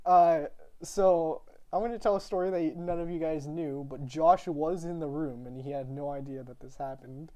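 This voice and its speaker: A man's voice: a little high, normal speed, dark tone. A young man hosting a casual podcast chat with friends, joking loosely and swearing often. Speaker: podcast host.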